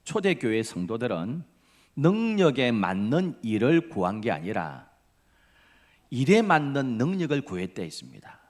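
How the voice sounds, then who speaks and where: Animated preaching man, lively pitch. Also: measured pace. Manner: animated, swings from loud emphasis to hushed whispers. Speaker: pastor. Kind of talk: sermon. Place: church sanctuary.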